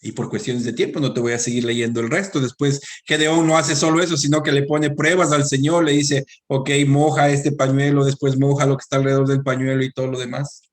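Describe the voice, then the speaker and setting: A man with a Latin American Spanish accent preaches a sermon, reading scripture aloud and addressing the congregation directly. He climbs to loud, emphatic peaks and drops to quiet, low asides. His tone is level and he talks fast with few pauses.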